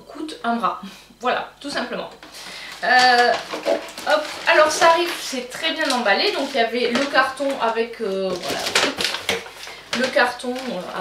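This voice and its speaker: Against a noisy background, a young beauty vlogger with a self-described French accent unboxes a beauty box, talking casually with lots of fillers and restarts. Her voice is a little high, and it sounds distant in an echoey room.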